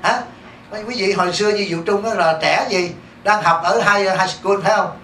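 A man with a Southern Vietnamese accent, a Buddhist monk giving a lively dharma talk and asking his congregation rhetorical questions. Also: high voice, normal speed. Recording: echoey room, distant mic, faint hiss.

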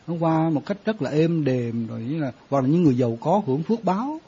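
A man's voice: a little high, expressive, fairly quick, warm tone, husky. A man, a Buddhist monk giving a conversational dharma talk and often quizzing his listeners. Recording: dull lo-fi sound.

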